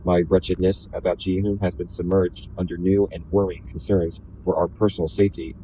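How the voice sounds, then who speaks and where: A man reading a first-person novel aloud in a deliberately flat, slightly robotic delivery. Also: deep voice, slight background noise, low-quality recording. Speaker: reader.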